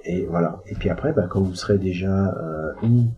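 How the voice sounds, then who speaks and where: Male spiritual speaker, low pitch, colloquial and halting, muffled recording. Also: dark tone. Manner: hesitant and colloquial, with frequent filler sounds. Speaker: spiritual speaker answering questions. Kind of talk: casual spiritual teaching talk.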